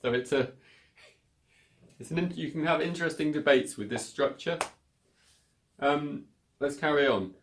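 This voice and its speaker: A man teaching a beginner English lesson, speaking slowly and deliberately and repeating words for learners to follow. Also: mid-range voice. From United Kingdom.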